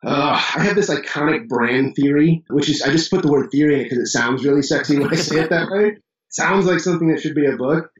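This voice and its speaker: Chicago dude talking business, lots of restarts, echoey room, kinda muffled and far from the mic. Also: male voice, fairly high pitch, fast. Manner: animated storyteller, many restarts and fillers. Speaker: business owner guest. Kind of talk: casual podcast interview.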